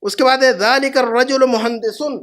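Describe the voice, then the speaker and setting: Male language teacher, very high pitch, patient, slow repetitions for the class. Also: fairly even intonation, crowd noise. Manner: patient, repeats phrases slowly for students. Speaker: Arabic teacher. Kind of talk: classroom lesson.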